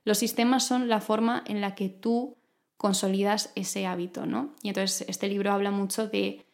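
A woman speaks at an average pitch, with an R that comes from the throat. She hosts in a conversational monologue style, explaining things informally and addressing the listener directly. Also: fairly even intonation, moderate pace, gravelly, a little mellow. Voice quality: throaty, guttural R. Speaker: podcast host. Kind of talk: conversational self-improvement monologue.

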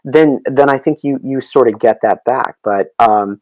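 A man appears as a guest on a casual podcast, telling a long anecdote in a halting way, restarting his sentences again and again. His voice sits at an ordinary middle pitch for a man. The recording is dry, with no room echo. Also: a little mellow. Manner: halting, many fillers and restarts, storytelling.

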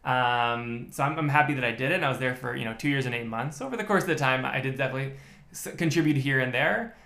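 Fast, gravelly, pushed and bright, this man's mid-range voice comes from a podcast guest from the United States. In a casual interview chat recorded in an echoey room, he tells his story methodically, restarting often.

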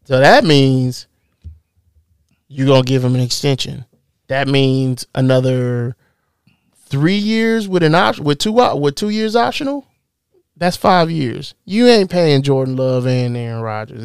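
Male podcast co-host, casual sports talk, stumbles over his words, gravelly, close and dry. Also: medium pitch, no echo.

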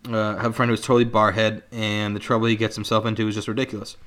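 A man in his twenties reading a story aloud on a casual podcast, laid-back and quick to laugh, swearing freely. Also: on the low side, monotone, a bit bright.

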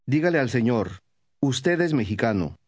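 Calm male course instructor. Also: mid-range voice, slightly rough. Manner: calm, measured prompts to the listener. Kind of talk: scripted language lesson instruction.

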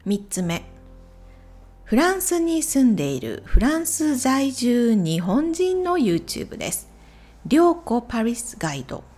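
Woman doing a solo podcast, slow and clear, pitch moves around a lot, little music behind. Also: big pitch swings. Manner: slow, clear delivery with soft whispered asides. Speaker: podcast host. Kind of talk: scripted solo podcast recommending YouTube channels.

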